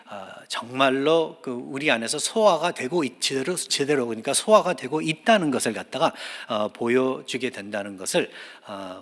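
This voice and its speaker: A male pastor preaching a sermon in earnest, hesitant speech, filling pauses with drawn-out "ah" and "uh" and repeating key phrases for emphasis. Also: medium pitch, bright, forceful tone. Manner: hesitant, with many drawn-out "ah" and "uh" fillers. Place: church sanctuary. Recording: long church hall reverb.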